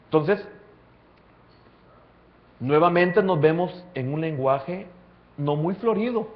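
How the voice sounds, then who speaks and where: Fervent pastor preaching. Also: male voice, a little high, animated, slow pace, muffled recording. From El Salvador. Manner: impassioned preaching, swings from soft asides to loud climaxes; addresses listeners directly as brother. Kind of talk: sermon.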